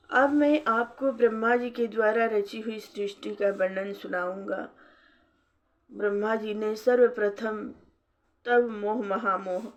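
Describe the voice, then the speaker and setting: A woman telling a devotional scripture story in a slow, measured recitation. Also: medium pitch. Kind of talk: scripture narration. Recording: dull lo-fi recording.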